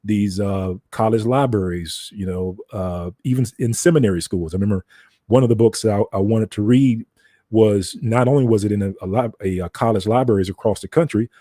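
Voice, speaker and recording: A man's voice: on the low side, a little fast, warm tone, no echo, clean studio sound. An American man giving an informal teaching talk in a conversational, explanatory way, repeating phrases for emphasis. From United States. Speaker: broadcaster.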